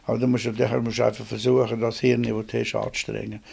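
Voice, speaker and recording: Gravelly old Swiss German man reminiscing. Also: medium pitch, level tone, fast, a little mellow. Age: 80s. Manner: rambling, plain-spoken storytelling. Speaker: inventor interviewed. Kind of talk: reminiscing interview. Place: small home office.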